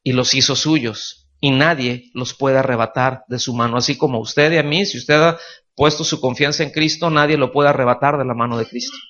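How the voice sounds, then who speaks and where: A man's voice: mid-range voice, moderate pace, a bit bright. A man preaching an expository sermon. He speaks in a colloquial way, with jokey asides, and often checks that the congregation follows him. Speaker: pastor. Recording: dull lo-fi recording.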